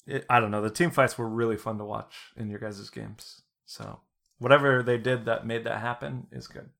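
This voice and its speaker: Blunt bro-ish guy with gravelly fry. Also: medium pitch, steady tone, moderate pace, fairly bright tone. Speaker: team sub coach on a podcast. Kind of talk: casual chat.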